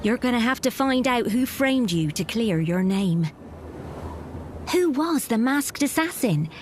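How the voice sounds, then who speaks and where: A woman's voice: fairly high pitch, animated, unhurried, a little hiss or hum. A woman reading scripted narration for an adventure game as a dramatic storyteller.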